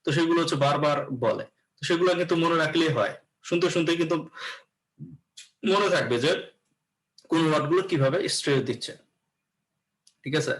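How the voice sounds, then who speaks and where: A man's voice: a little high, fairly quick, pauses often, a bit bright. A man giving an explanatory classroom lecture as an English teacher, often checking in with his students. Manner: explanatory, repeats "okay" to check in.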